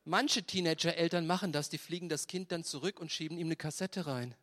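Animated high-voiced man preaching. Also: brisk. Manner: animated storytelling with voiced asides; tags many sentences with "ja?". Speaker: pastor. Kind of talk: lively sermon.

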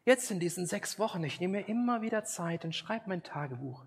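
Man, preacher, sermon, earnest, emphatic, fairly high voice, husky. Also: animated, fairly quick. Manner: earnest, emphatic, addresses listeners directly.

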